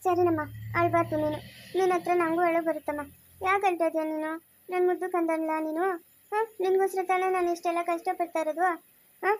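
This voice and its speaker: A woman's voice: very high-pitched, flat delivery, a little fast. A woman playing a loving young mother who coaxes her child with pet names, in an amateur family drama. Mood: soothing. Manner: coaxing, affectionate, repeats pet names.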